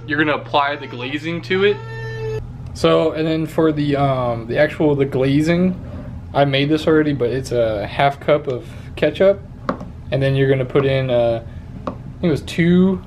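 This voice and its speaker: A young man talking a viewer through cooking at home, relaxed, with lots of fillers, on a camera mic at a distance. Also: mid-range voice, a little hiss or hum. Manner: relaxed, talking while working, many fillers. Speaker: vlogger. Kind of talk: casual cooking narration. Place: home kitchen, indoors.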